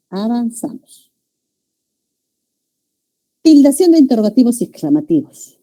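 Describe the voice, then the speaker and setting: A middle-aged woman teaches with a Peruvian Spanish accent and keeps turning to her students. Her pitch rises and falls in a lively, emphatic way. Her tone is dark and mellow throughout. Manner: animated, emphatic, addresses students often. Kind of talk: classroom lecture.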